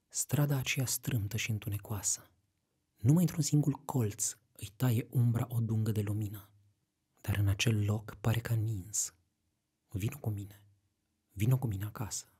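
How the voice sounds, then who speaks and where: A male audiobook narrator reads literary prose slowly and intimately. His voice is dark and mellow, and it stays very husky and breathy throughout. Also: fairly low pitch.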